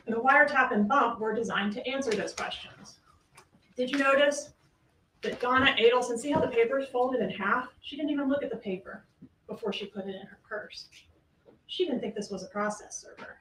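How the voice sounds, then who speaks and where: A woman's voice: fairly high pitch, a bit bright, slight background noise. A woman prosecutor delivering a courtroom closing argument, pressing her case with pointed rhetorical questions. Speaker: trial prosecutor. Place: large courtroom. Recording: echoey courtroom audio from far off.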